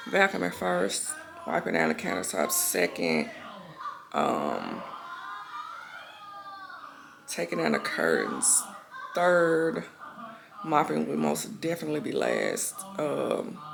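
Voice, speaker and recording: A woman's voice: rumbling low, creaky. A woman hosting her home cleaning vlog, chatting casually to viewers and planning her tasks aloud with a groggy morning voice. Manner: chatty, talks straight to viewers, plans aloud. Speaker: lifestyle vlogger host. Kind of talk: casual chat to camera. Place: home kitchen.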